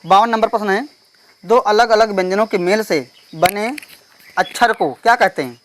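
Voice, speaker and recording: A male teacher solving an exam paper step by step. He reads each question slowly and keeps checking in with the class. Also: high-pitched, fairly bright tone, slight background noise. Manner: explains step by step, reads questions slowly, repeats "theek hai". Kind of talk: exam paper walkthrough lesson.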